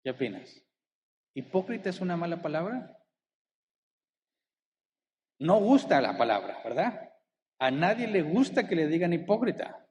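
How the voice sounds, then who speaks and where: A male pastor preaching a sermon. He keeps asking the congregation rhetorical questions and slows down to stress the key words. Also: a little high, sing-song, a little mellow, in a large hall, a little hiss or hum. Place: church hall.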